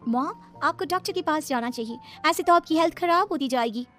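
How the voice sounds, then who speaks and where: Breezy fashionable young bride. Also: female voice, high voice, animated, fairly quick, fairly bright tone, soft background music. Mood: caring. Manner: breezy, sprinkles English words. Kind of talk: animated storybook voice acting.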